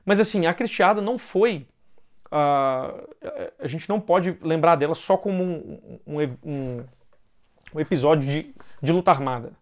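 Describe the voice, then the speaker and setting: A man with a Brazilian Portuguese accent, giving an informal explanatory talk and often ending phrases with a questioning "né". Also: fairly high pitch. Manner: loosely paced with pauses and restarts.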